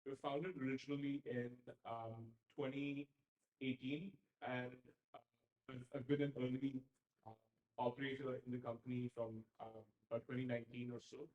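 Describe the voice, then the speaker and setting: A man's voice: medium pitch, level tone, normal speed, highs cut off. A man from Dubai giving a conference talk, hesitant with many fillers. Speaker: conference speaker. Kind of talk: presentation talk. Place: event venue. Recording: roomy event hall.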